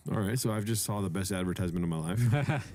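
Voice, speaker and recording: A man's voice: on the low side, fast, a little mellow, a little hiss or hum. Laid-back man bantering, heavy on "dude". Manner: loose, profane banter with frequent "dude". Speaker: podcast co-host. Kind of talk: casual chat.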